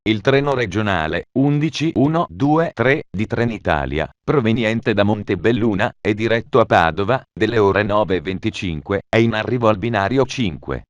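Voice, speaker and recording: A man's fairly low voice delivers automated train station announcements, formal and measured yet animated, with phrases stitched together. The recording is dry.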